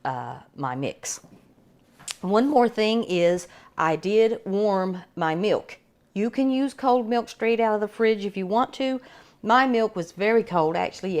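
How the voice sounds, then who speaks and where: Middle-aged woman showing how she makes bread, rambly and chatty, kinda low voice. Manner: chatty, rambling, with frequent restarts and fillers. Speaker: home baker demonstrating a recipe. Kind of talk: casual cooking demonstration.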